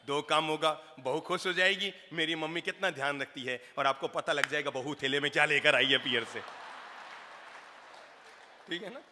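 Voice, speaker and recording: A male spiritual teacher, his voice very bright and somewhat high, tells lively stories and keeps asking his listeners questions. A long hall reverb trails every phrase. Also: moderate pace, pauses often, some chatter behind, slight background noise. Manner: lively, repeats key phrases, asks the audience questions. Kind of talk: storytelling sermon.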